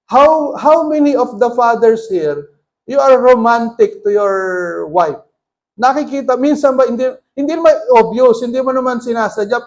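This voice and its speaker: A pastor delivers a sermon with a notably high-pitched voice. He mixes Tagalog and English, keeps asking the listeners rhetorical questions, and preaches with earnest emphasis. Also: darkish tone.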